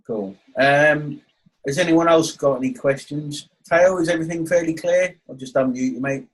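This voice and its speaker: A man's voice: a little high, normal speed, poor audio. East Anglian man coaching informally. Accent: Norfolk, East Anglian English. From Norfolk, England. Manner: matey, informal address. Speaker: webinar host and coach. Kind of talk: informal online coaching session with questions. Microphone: online webinar call.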